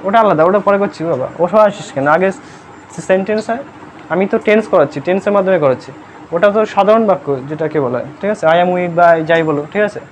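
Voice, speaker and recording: Brisk classroom grammar teacher, quizzing. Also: mid-range voice, lively intonation, slight background noise. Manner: quizzes students constantly, checking "understood?"; spells words letter by letter. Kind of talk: live classroom lesson in Bengali. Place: classroom with pupils present.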